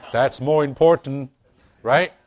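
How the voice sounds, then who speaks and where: A man preaching a sermon to a congregation, earnest and unhurried, growing emphatic as he reads and explains scripture. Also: mid-range voice, darkish tone. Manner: slow, earnest, calls for amens, rising to emphatic preaching.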